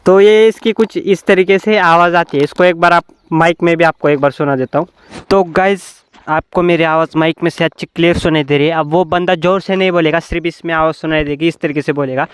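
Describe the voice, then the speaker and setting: A man's voice: a little high, fairly even intonation, a little fast, clean tone. A man running a casual outdoor vlog, testing a homemade cup phone and calling out instructions to a helper far away. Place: outdoors in a rural open field. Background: faint background noise.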